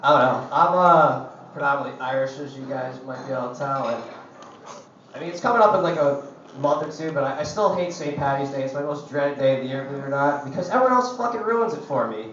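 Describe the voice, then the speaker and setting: A man's voice: mid-range voice, expressive, fast, a bit bright, a little hiss or hum. A young man doing a crude, profane stand-up set in a coffee shop, rambling with lots of "like, you know". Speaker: stand-up comedian. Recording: echoey, dull, distant camera recording.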